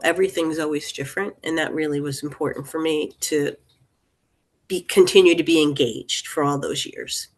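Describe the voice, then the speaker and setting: Thoughtful woman in her sixties. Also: low voice. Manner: thoughtful, meandering with restarts and small laughs. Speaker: interview guest. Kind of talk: casual interview talk.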